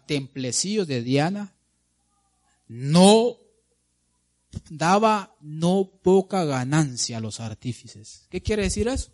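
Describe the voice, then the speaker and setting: A man preaches a sermon in a fairly high voice. His pitch swings widely as he throws questions to the congregation and answers them himself. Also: a little mellow.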